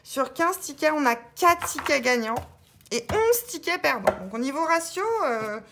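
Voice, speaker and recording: A woman with a fairly high voice talks in an unhurried way while she scratches lottery tickets. She thinks out loud and reads out the letters one at a time. A faint hiss of noise sits under the voice. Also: expressive. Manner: chatty, thinks aloud, spells out letters. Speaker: scratch-card vlogger.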